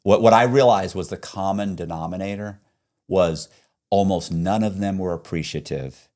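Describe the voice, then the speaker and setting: A man's voice: low-pitched, moderate pace, darkish tone. A man hosting a podcast, telling stories in casual chat, profane and fond of acting out the people he quotes. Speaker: podcast host.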